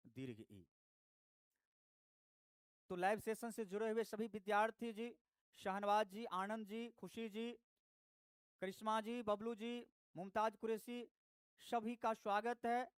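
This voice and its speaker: Slow, clear-voiced patient teacher. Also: mid-range voice, no room sound. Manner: patient, repeats points, addresses students warmly. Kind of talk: live online class, explaining grammar.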